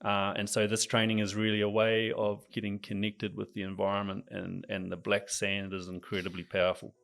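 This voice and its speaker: Lowish, brisk and creaky, this New Zealand-accented coach chats easily as a podcast guest, relaxed and keen about nature in a casual interview.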